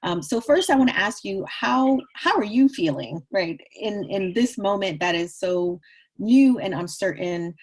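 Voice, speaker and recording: Female interviewer, medium pitch, husky, gentle and attentive, tentative phrasing. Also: lively intonation, a little slow. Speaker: interviewer, event moderator. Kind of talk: casual online interview.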